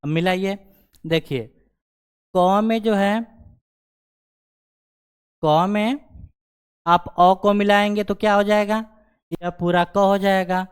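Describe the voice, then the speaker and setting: A male teacher walks through a grammar lesson at an unhurried, deliberate pace. His voice is smooth and clear, and he keeps checking in with the listener after each small step. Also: high voice, fairly even intonation. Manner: repeats "ठीक है ना" as a check-in filler. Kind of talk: slow explanatory grammar lesson.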